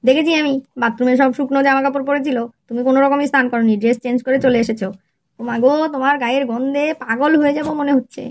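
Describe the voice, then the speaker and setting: A woman's voice: high voice, fairly even intonation, quick pace, a little mellow. A woman narrating a comic family skit and playing a nagging, exasperated wife. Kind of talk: comic storytelling with acted dialogue.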